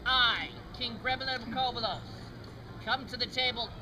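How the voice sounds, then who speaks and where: A man's voice: very high voice, steady tone, moderate pace. A man playing a pompous goblin king, proclaiming theatrically in formal Renaissance faire speech. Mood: ceremonial. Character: pompous high-voiced male goblin king. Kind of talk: Renaissance faire stage drama, olde speech. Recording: noisy outdoor live recording.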